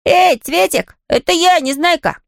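A narrator voicing a cheeky, lazy little boy in a storybook reading, coaxing and flattering. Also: normal speed, creaky, no echo, clean studio sound, full character voice. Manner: coaxing, flattering, high and boyish.

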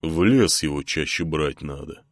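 A serene old village elder speaks slowly and evenly, never rattled, as a male narrator puts him on. His voice sits deep and low. The room around him is dry and close, with no echo. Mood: calm. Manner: calm, unhurried.

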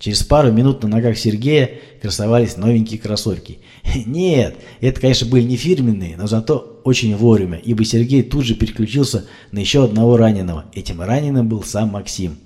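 A man reading an audiobook aloud, acting out shouted rescue dialogue as he narrates. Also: lowish voice, brisk. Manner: acts out shouted rescue dialogue, rising and loud for cries.

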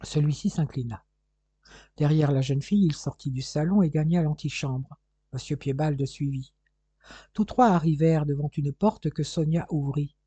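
An audiobook reader narrating a detective novel in a measured, even way. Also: mid-range voice, husky, no room sound.

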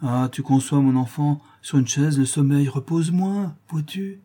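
A man's voice: fairly high pitch, measured pace, mellow, voice pushed up. A man voicing a frightened pleading mother. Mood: tender. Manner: pleading, anxious. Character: frightened, desperate poor mother, middle-aged.

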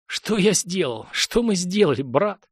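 A man's voice: high-pitched, sing-song, unhurried, slightly rough, no room sound, pitched above the performer's own voice, full character voice. A weary young male squire, grieving and earnest, speaking in a subdued voice that still rises and falls expressively, as a male narrator reads him. The recording of this storybook is dry and close, with no room around it. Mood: grave.

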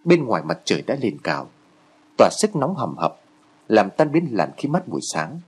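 A man narrating a horror story in an expressive storytelling way. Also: lowish voice, normal speed, husky.

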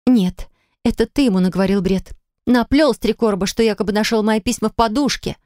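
A woman voicing an indignant, sarcastic young wife with a higher, ringing voice in an audiobook. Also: fast, a little mellow, no room sound, lightly acted. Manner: shrill, accusing, sarcastic. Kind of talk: audiobook character reading. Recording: dry studio sound.

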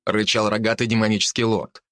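A man's voice: on the low side, flat delivery, fairly quick, a bit bright, dry recording, studio quality. Man narrating a fantasy audiobook.

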